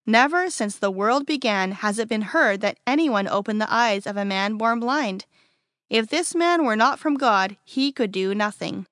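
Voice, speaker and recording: A woman's voice: on the high side, expressive, moderate pace, fairly bright tone, no echo, clean studio sound. A woman reading the part of an earnest, once-blind man in a storybook, speaking plainly and insistently. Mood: frustrated. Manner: insistent, matter-of-fact.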